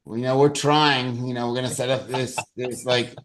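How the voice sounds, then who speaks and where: A man's voice: medium pitch, steady tone, normal speed, a bit bright. A man from New York, the featured poet, chatting casually and sardonically on a video call. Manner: sardonic, joking. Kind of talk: casual chat.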